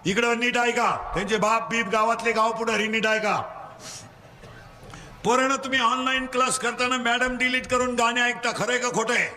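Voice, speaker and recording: A Marathi-accented man delivering a comic kirtan sermon in a very high voice. He works the crowd in quick call-and-response and scolds the schoolboys with playful mockery. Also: fairly even intonation, sharp tone. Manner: rapid call-and-response, drilling the crowd to answer. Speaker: kirtan preacher.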